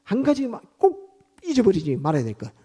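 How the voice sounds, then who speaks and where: A man's voice: high voice, huge pitch swings, fairly quick, dark tone, breathy edge. A man preaching a sermon in church as pastor, retelling scripture scenes vivdly and repeating his points with emphasis.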